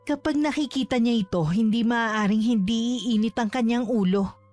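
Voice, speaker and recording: A woman narrating a horror story in a steady, measured voice. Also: a little high. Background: faint background music.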